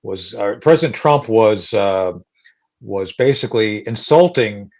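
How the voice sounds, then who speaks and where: A man's voice: on the low side, animated, measured pace, a little mellow, muffled recording. A man hosting a political talk show, joking and rambling with plenty of fillers. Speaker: show host.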